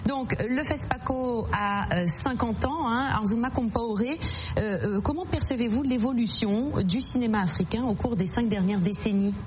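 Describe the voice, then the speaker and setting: Woman radio host, hesitant, fairly high voice, noise in the background. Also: moderate pace. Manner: hesitant, many fillers. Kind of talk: radio interview.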